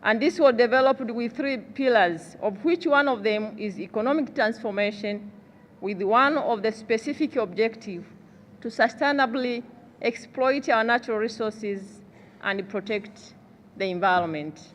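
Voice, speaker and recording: A woman with a Rwandan accent gives a formal podium speech in a big, reverberant hall with some noise behind her. Her voice sits fairly high for a woman, and she phrases things deliberately, like an official addressing delegates. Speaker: government official, delegate speaker. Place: large conference hall. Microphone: podium gooseneck microphone.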